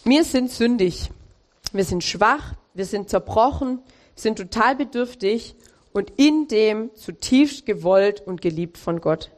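A woman's voice: mid-range voice, lively intonation, slow, a little mellow. A woman preacher giving a casual, informal sermon, talking in slangy phrases with many fillers.

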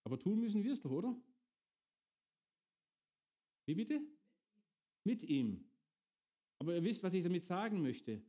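A man's voice: sits high, sing-song, a little slow, long pauses, warm tone. A middle-aged man preaching a sermon, often turning to his congregation with direct questions.

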